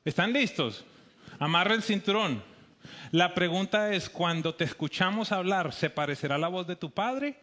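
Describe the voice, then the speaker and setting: A man with a Bogotá Colombian accent giving an animated sermon, acting out quoted voices with emphatic rises. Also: sits high, moderate pace. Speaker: preacher.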